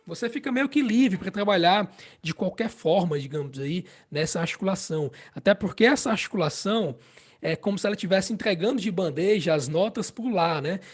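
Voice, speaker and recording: A man's voice: sits high, lively intonation, husky. A man with a Brazilian Portuguese accent teaching harmonica in a casual spoken lesson, explaining patiently and often checking in with the listener. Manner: explains slowly, repeats phrases, checks with "né?" and "entende?".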